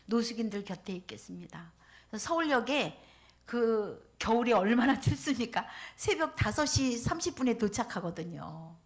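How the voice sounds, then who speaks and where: A middle-aged Korean pastor's wife giving a sermon testimony at a church revival, telling her story emotionally and swinging between soft and loud. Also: on the high side, animated, moderate pace.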